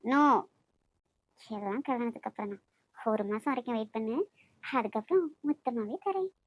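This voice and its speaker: A woman's voice: a little high, lively intonation, moderate pace. A woman voicing a playful young woman in love for a cartoon, speaking Tamil with a Nagercoil accent in a coaxing, teasing way. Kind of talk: cartoon voice acting.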